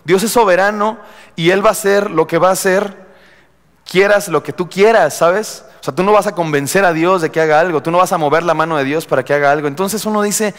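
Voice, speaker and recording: A man preaching a sermon in a church, lively, acting out quoted prayers in mocking tones. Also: high voice, brisk, big-room sound.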